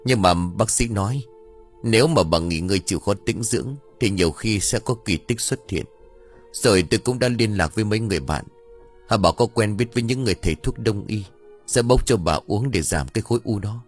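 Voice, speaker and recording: A weary, gruff old father, as a man puts him on in a storybook, very deep and husky. He scolds with tired tenderness over faint background music. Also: expressive, a little fast. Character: grieving older father, gruff yet tender.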